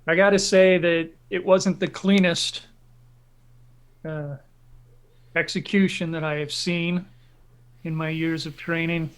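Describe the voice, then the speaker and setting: A man's voice: a little high, flat delivery, slow, pauses often, clean tone. A man voicing a serious veteran hero trainer in a tabletop game, lecturing earnestly and steadily. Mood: stern.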